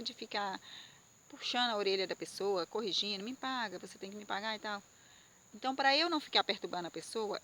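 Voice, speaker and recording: Woman, fairly high voice, heartfelt testimony sermon, slight background hiss. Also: fairly bright tone. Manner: earnest and emotional, with frequent fillers and repetitions. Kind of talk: personal testimony sermon to viewers.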